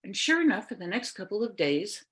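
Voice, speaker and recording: A woman telling a fairy tale live, expressive and unhurried, lingering on images with drawn-out pauses, heard over a video call. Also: medium pitch. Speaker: storyteller. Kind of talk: live oral storytelling.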